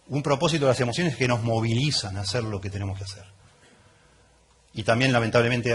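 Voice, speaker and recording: Middle-aged Argentine pastor, conversational sermon. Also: male voice, on the low side, slight background noise. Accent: Argentine Rioplatense Spanish. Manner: conversational, often checks in with the listeners. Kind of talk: expository sermon.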